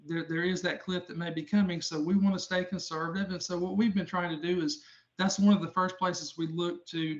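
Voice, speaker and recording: Male presenter, middle-aged, deep South accent, higher-pitched voice, folksy and conversational, on dull lo-fi audio. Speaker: public sector finance expert, presenter. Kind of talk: informal webinar presentation.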